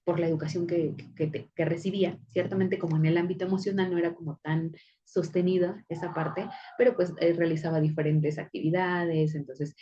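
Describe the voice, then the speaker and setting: A woman's voice: low-pitched, warm tone. A woman giving a psychology class lecture in a conversational way, with frequent fillers and restarts. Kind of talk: recorded class lecture with anecdotes. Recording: dull lo-fi recording.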